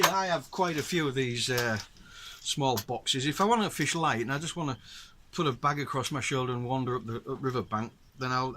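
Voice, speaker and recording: Patiently walking viewers through his gear, a middle-aged host with a Northern English accent from the north of England gives a casual show-and-tell. His medium-pitched voice comes across pushed and bright, with a little hiss or hum.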